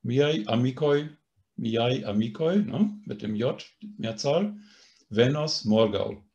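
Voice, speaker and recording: A man's voice: mid-range voice, animated, slow pace, a little mellow, lo-fi sound. A man teaching a language course, explaining grammar patiently and often checking in with a questioning "ne?". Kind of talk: online language lesson.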